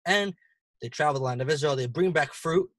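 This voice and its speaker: A man co-hosting a podcast, retelling a scripture story in a casual, animated way and acting out the quoted lines. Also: a little fast, no room sound. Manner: animated, acts out quoted lines with big jumps in pitch. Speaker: podcast co-host explaining the weekly Torah portion.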